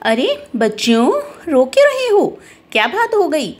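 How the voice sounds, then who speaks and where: A caring mother in a doll story, voiced by a woman, asking the children pointed questions about their fight. Her high voice is concerned but firm. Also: big pitch swings, unhurried.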